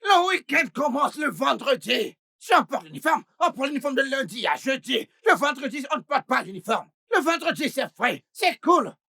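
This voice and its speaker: Woman dubbing a whiny, raspy male servant. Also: high voice, very animated, moderate pace, hardly any pauses, sharp tone, full character voice. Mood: scheming. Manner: stammering, wailing pleas. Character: whiny male house employee, grovelling, scheming. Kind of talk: French film dub.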